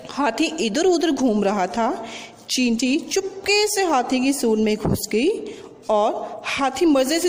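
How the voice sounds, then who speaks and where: A woman's voice: high voice, long reverb tail. A woman teacher telling a story to young pupils, coaxing them along and repeating and questioning. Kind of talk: storytelling lesson for children.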